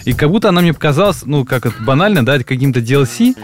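A man's voice: medium pitch, expressive, faint music behind. A man hosting a podcast, chatting casually and eagerly, often agreeing. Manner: quick, eager, many agreeing yeses. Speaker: podcast host.

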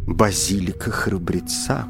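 A man's voice: mid-range voice, huge pitch swings, takes it slowly, a little mellow, pitched above the performer's own voice, full character voice. A man doing a coy teasing young woman. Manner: coy, mock-scolding. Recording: faint music underneath.

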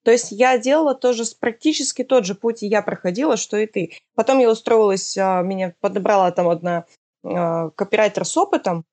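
A woman's voice: medium pitch, darkish tone. A woman talks casually in an interview, explaining things in an informal way.

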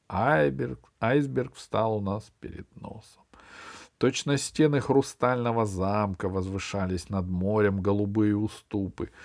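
A man reading a children's adventure story aloud in the first person, with lively storytelling that drops low and soft at the ends of phrases. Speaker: audiobook reader.

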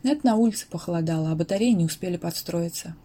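A woman narrating a first-person story as an audiobook. Her voice sits low and sounds warm and mellow, with expressive storytelling. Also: very fast, a little hiss or hum.

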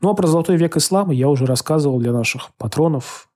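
A man telling history on a podcast in an unhurried, thoughtful way with many small fillers. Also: fairly high pitch, a little mellow. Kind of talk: casual history podcast talk.

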